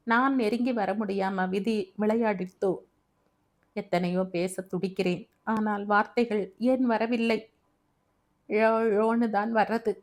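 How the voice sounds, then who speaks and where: A woman voicing a bedridden, dying elderly husband who pleads in a halting, grieving inner monologue. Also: medium pitch, a little mellow, close to an everyday voice.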